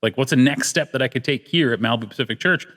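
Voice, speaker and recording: A man's voice: mid-range voice, fast, a bit bright. A man hosting a casual church podcast, jokey and playful, often laughing. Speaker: podcast host.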